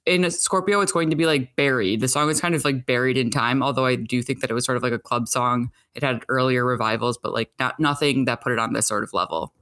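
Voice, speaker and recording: A woman's voice: rumbling low, quick pace, few pauses, fairly bright tone. A woman co-hosting a casual chat show, explaining astrology in a loose, rambling way full of "like" and "sort of". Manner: chatty, hedging with many "like"s and "sort of"s. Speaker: astrologer co-host.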